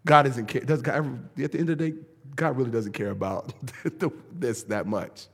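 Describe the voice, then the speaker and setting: A man preaching a sermon in an emphatic, lively way, often laughing between words. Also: medium pitch, brisk, gravelly, breathy edge. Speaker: pastor. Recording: long hall reverb.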